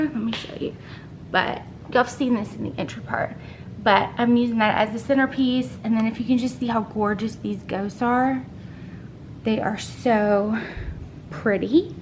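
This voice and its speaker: A woman's voice: a little high, a little hiss or hum, rough recording. A woman chatting casually through a tour of her home, upbeat and full of ums. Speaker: home decor vlogger. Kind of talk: casual house tour narration. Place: inside a home.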